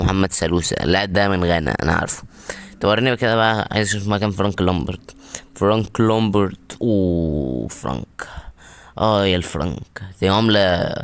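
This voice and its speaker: A man's voice: sits low, clean tone. A man with an Egyptian Arabic accent giving casual, repetitive commentary while opening packs in a mobile football game. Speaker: mobile gaming YouTuber.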